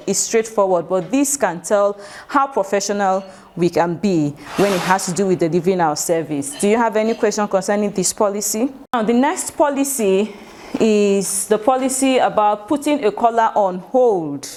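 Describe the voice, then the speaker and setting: A woman's voice: mid-range voice, a little mellow. A woman with a Nigerian English accent leading a workplace training session, explaining rules in an instructive way and quizzing the room. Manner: instructive, asks the room questions, acts out sample phone greetings. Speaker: staff trainer.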